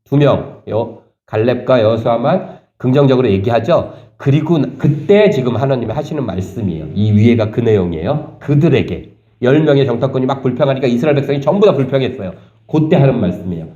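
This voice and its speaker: A male pastor preaching a sermon, animated and quizzing his congregation with questions. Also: mid-range voice, fairly quick. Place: church sanctuary. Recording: echoey church room, slightly dull sound.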